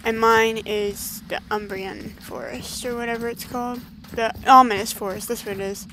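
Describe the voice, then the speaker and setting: A woman hosting casual gameplay commentary, chatty and excitable, talking to the creatures on screen. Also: on the high side, moderate pace, a little hiss or hum, poor audio. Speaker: gaming channel host.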